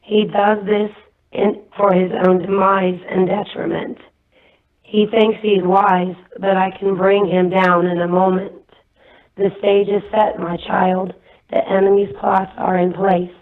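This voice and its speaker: Female caller, hoarse, earnest prophetic delivery, flat tone, tinny phone line. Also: mid-range voice. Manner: earnest, measured reading. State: hoarse, losing her voice. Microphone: phone call.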